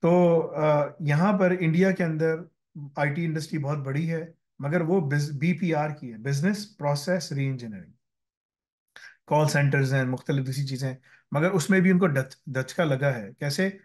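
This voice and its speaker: A man's voice: on the high side, normal speed, darkish tone. A man answering interview questions with stories from working abroad, often slipping English phrases into his speech and checking in with "right?". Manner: mixes English phrases into his talk, often asks "ठीक है ना". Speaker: guest speaker on careers. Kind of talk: conversational interview answers with anecdotes.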